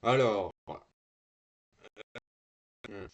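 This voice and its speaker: A man's voice: lowish voice, very slow. A teenage boy live-streaming from home, chatting loosely with slang and swearing, full of restarts and trailing fillers. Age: teens. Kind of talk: casual live-stream chat.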